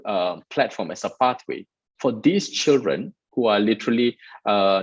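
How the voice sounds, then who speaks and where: A Malaysian man, appearing as an interview guest and directing a startup festival, talks at length and earnestly about his work, restarting often. His voice sits mid-range with a breathy edge, captured in a dry, lo-fi recording.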